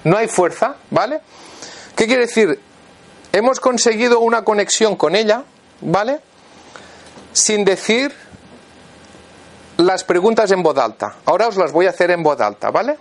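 A man walks a volunteer through a demonstration in front of an audience. His voice sits high and swings up and down. He keeps checking in with short questions as he gives each instruction. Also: expressive, measured pace, long pauses. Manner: instructive, checks in constantly with "vale". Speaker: therapist leading a live demonstration.

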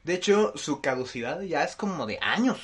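A man's voice: a little high, big pitch swings, normal speed, a bit bright, breathy edge. A man with a Mexican accent co-hosting a casual comedy podcast, joking and full of wordplay. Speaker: podcast co-host.

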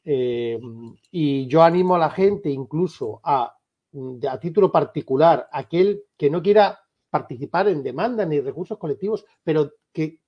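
A man, a lawyer for an association, answers interview questions in a firm, emphatic, insistent way with a husky voice. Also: a little high, lively intonation, normal speed, muffled recording. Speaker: lawyer for a civil rights association.

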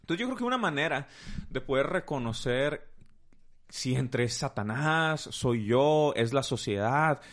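Lively Mexican man teaching with examples. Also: mid-range voice, unhurried. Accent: Mexican Spanish. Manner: animated, teaching with playful examples. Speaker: guest speaker.

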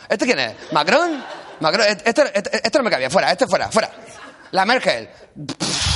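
Jokey man performing stand-up, audience laughter. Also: high voice. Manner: playful, mock-serious, jokey asides. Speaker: comedian. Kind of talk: stand-up comedy bit. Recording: live stage with audience laughter and noise.

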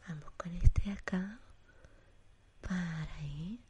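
Whispering woman, Rioplatense Spanish accent, whispered role-play, soothing sleep-narrator manner, very unhurried, lowish register, gentle diminutives. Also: a little hiss or hum. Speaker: ASMR performer giving a pampering spa treatment.

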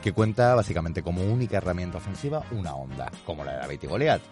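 A man's voice: low voice, lively intonation, quick pace, a little mellow, faint music behind. A man from in casual, playful chat as a co-host of a video game show. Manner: chatty, playful, teasing. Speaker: podcast co-host.

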